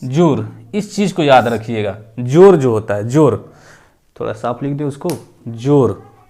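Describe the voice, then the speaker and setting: A man's voice: medium pitch, animated, unhurried, mellow. Guy teaching grammar on his channel, repeats examples a lot, leans hard on key words. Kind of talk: Hindi grammar lesson.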